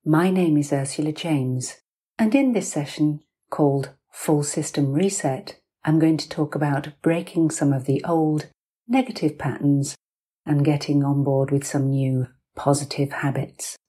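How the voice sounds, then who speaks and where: In a breathy, almost whispered voice, a woman guides listeners through hypnosis as though telling a sleep story. She is soft and soothing, with a low voice, and leaves long pauses between short phrases.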